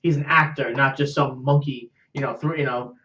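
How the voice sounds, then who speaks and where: A man's voice: mid-range voice, steady tone, moderate pace, sharp tone. A man co-hosting a casual podcast chat, laughing often and tossing off jokey impressions. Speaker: podcast co-host. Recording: echoey room, distant mic, dull lo-fi sound.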